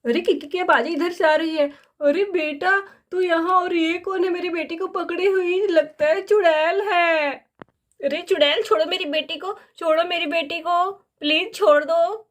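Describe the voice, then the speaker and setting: A woman's voice: very high voice, steady tone, unhurried. A woman voicing an anxious young mother searching for and pleading for her daughter in a doll story.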